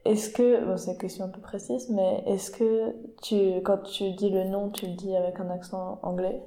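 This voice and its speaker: A woman asks curious, short questions in a mellow, soft voice. The recording sounds echoey, as if in a bare room. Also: medium pitch, level tone, normal speed. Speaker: interviewer. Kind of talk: casual interview.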